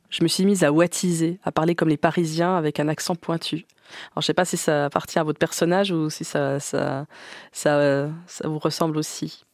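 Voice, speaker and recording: Intervieweur homme, posé, voix un peu haute, son sec. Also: male voice, on the high side, no room sound, clean studio sound. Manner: measured, reads quotes, brief acknowledgements. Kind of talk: radio interview.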